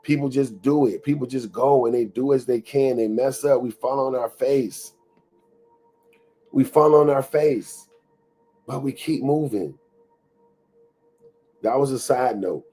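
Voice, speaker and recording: A man talks to his listeners in a preachy, conversational way, circling back and repeating lines for emphasis. His voice is warm and mellow at a middle pitch. Faint music plays underneath. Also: measured pace, long pauses. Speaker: show host. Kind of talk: motivational talk.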